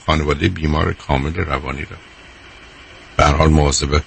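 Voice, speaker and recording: A man hosting a call-in advice show on radio, calm and firm, addressing the caller as dear. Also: a bass voice, creaky, slight background noise.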